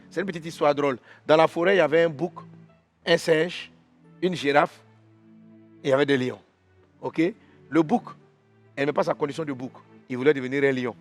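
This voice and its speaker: A man preacher tells an animal fable with lively energy, his voice sitting a little high. Soft music plays behind him in the church. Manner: lively storyteller acting out animals, roaring. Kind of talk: devotional storytelling sermon.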